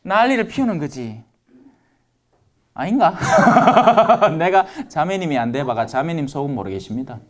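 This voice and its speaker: Lively joking priest. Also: male voice, a little high, moderate pace. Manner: lively, joking, asks the audience questions. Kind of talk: lecture sermon to elderly parishioners.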